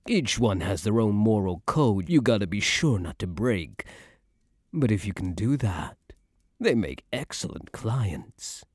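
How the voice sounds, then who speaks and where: A man playing a cocky young mafia heir who is a doting but menacing boyfriend, in an intimate ASMR roleplay with slow, smug tough-guy slang. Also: lowish voice, big pitch swings, no room sound, clean studio sound. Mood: musing, confiding.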